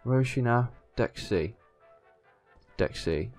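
A man hosting a gaming video, giving casual, excitable, mildly sweary commentary as he plays with a friend. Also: mid-range voice, slow pace, soft background music.

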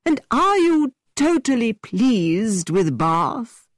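A woman voicing a witty, playful young gentleman who teases in a mock-theatrical way. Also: a little high, sing-song, slow, no room sound, clean studio sound, voice pushed up, exaggerated voice. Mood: teasing.

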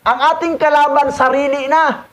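A man's voice: very high voice, steady tone, normal speed, a bit bright. A man teaching as a religious instructor, commenting on a reading in a casual, repetitive way, chuckling and mixing in English words.

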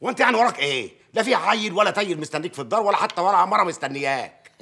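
A blustering village mayor barks orders in a quick, husky Egyptian voice. His pitch leaps about lively and his tone is bright and forceful. He mixes bossy commands with mocking jabs. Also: exaggerated voice.

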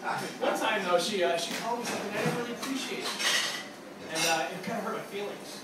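A high-voiced man from upstate New York talks fast into a handheld mic during a loose, crude open-mic stand-up set on a small, dark theater stage before a live audience. He rambles, packing his lines with "like" and "okay?". The room is echoey, with heavy background noise and crowd laughter.

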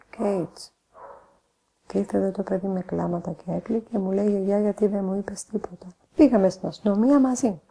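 A woman's voice: mid-range voice, dark tone, breathy edge, low-quality recording. An older grandmother giving documentary testimony, retelling conversations and repeating "she says". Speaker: interviewee, grandmother.

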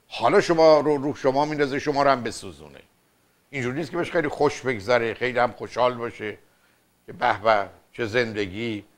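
This radio and TV family therapist, an older man, runs a call-in advice program. His voice sits at medium pitch with a fairly bright tone, and he lectures callers insistently through rhetorical questions.

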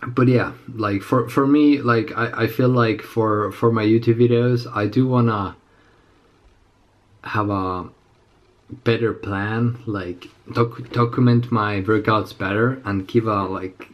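A fitness vlogger in his twenties, slightly sick, chats casually and unscripted to camera in a small indoor room with plain walls, rambling and halting. His raspy, under-the-weather voice is fairly low and steady, and the recording sounds muffled.

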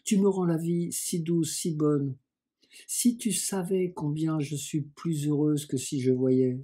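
A man reading the lines of a gentle, pious young blind woman in an audiobook, in a soft, serene, resigned way. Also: on the high side, fairly even intonation, slow pace, husky.

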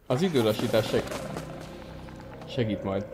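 A young man chats through a gameplay session in an easygoing, excitable way, with a mid-pitched voice. Steady noise sits under his talk throughout. He swears casually as he plays. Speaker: gameplay streamer. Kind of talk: casual let's-play commentary, reading game dialogue aloud in Hungarian.

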